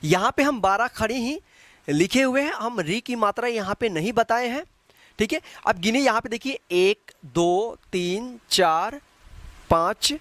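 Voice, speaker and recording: A woman teaching a Hindi alphabet lesson. She explains patiently, repeats herself and checks in often, then chants syllables loudly and slowly. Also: on the high side, lively intonation, dry recording. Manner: patient, repetitive, checks with frequent "ठीक है".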